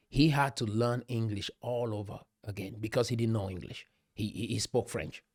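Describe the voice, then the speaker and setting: A middle-aged Cameroonian man with a Cameroonian accent delivers a direct-to-camera commentary, speaking emphatically and often posing rhetorical questions. His voice sits at medium pitch, and the studio recording is clean with no echo.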